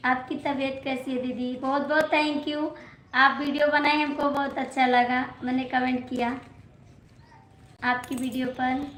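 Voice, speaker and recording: A woman's voice: sits high, little pitch movement, measured pace, a bit bright, slight background noise. A woman folk singer chatting casually on a phone live stream at home, thanking viewers and telling off a child. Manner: chatty, thanks viewers and reads comments aloud; scolds a child at home between comments. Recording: echoey room with faint ambience.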